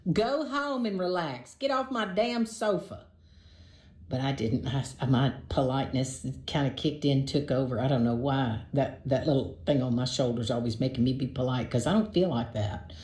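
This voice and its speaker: A woman's voice: very deep voice, dark tone. A woman casually telling a long personal dating story, chatty and exasperated, often restarting her sentences. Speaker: storyteller sharing a dating experience. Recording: roomy echo.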